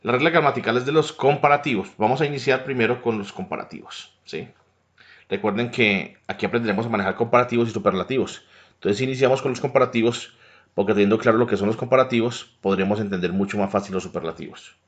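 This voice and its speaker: A man walks learners through a grammar lesson in a mid-pitched voice. He keeps checking in with short tag questions. The recording is dull and lo-fi. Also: fast. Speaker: English teacher. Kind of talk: grammar lesson over slides.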